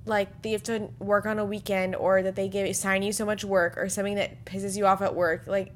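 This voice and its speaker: A young woman co-hosting a casual podcast, teasing and chatty, quick to laugh. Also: mid-range voice, flat delivery, a little hiss or hum. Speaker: podcast co-host. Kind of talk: casual chat about a reality dating show.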